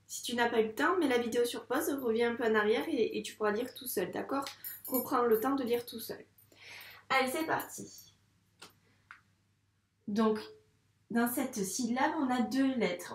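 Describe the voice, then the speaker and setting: A woman's voice: a little high, reverberant. A woman with a French accent teaching a reading lesson to young children, speaking patiently and encouragingly, drawing out each sound. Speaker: primary school teacher. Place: classroom.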